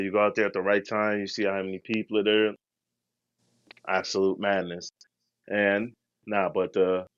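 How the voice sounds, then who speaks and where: A man's voice: sits low, dry recording, lo-fi sound. A man co-hosting a podcast, telling travel stories in a slangy, laid-back, rambling way. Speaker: podcast co-host. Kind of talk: casual travel storytelling.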